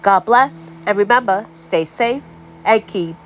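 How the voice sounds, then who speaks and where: A homesteading vlogger tastes her baking in a casual cooking vlog, chatting in a medium-pitched, unhurried voice. She is prone to fillers and trailing off, and there's slight background noise.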